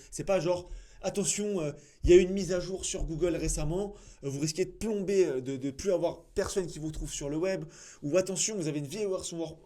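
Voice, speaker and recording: Blunt, sarcastic man with a dark voice. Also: on the high side. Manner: blunt, sarcastic, many fillers and restarts. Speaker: agency founder critiquing a cold email. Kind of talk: casual commentary to camera.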